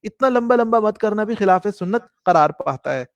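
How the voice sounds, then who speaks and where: High-voiced man teaching a religious lesson. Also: expressive, no room sound, highs cut off. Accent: Pakistani Urdu. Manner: explanatory, demonstrates recitation, repeats points. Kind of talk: classroom lesson on call-to-prayer rules.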